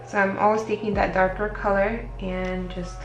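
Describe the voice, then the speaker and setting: A relaxed woman walks through her makeup routine step by step, chatting casually and a bit hoarse at times. Her voice sits at an ordinary pitch and carries an echoey room sound, with faint music playing underneath. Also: moderate pace. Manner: chatty, relaxed, explains each step as she goes. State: slightly losing her voice. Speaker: makeup tutorial host. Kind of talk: casual beauty tutorial talk.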